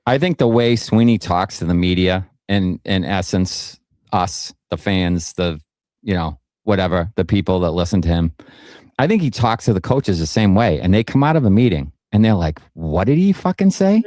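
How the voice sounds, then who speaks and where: A deep-voiced man co-hosts a casual sports podcast, telling stories in a relaxed, easygoing way. He swears freely as he talks. The sound is close and dry. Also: moderate pace, no echo. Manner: laid-back, profane storytelling. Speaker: podcast co-host.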